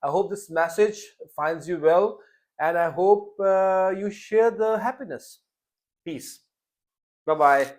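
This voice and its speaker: A young man with a high voice hosts a casual interview podcast, taking things slowly. He sounds hesitant, with frequent fillers and restarts.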